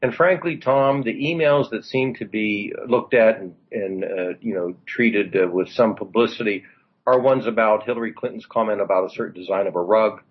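A former member of Congress, now a political commentator, chats loosely about the news on a talk radio program, full of asides and filler words. His voice is husky with a fairly low pitch, at a moderate pace, and the recording is muffled.

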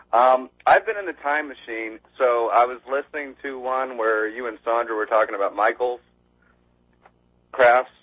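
A man's voice: lowish voice, slightly rough. A man calling in to a radio show over the phone, chatting in a loose, rambling way and swearing casually. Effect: heard over the phone line. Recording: tinny phone line.

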